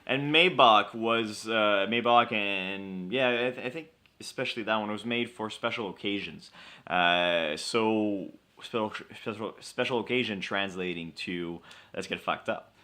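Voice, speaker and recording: A man's voice: on the low side, measured pace, pushed and bright. A young man co-hosting a casual beer chat, explaining history with wry humor. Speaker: co-host of a beer show.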